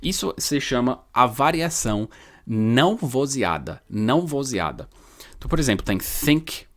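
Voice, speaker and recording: This New York man speaks at a measured pace with a medium pitch and a very animated delivery. A native English speaker with an American New York accent from the United States, he informally coaches viewers on pronunciation, leaning on repeated, stressed words.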